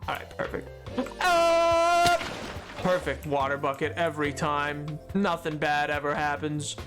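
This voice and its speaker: A man chatting casually and excitably on a gaming livestream, joking and repeating his words. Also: on the high side, measured pace, over music. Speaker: game streamer.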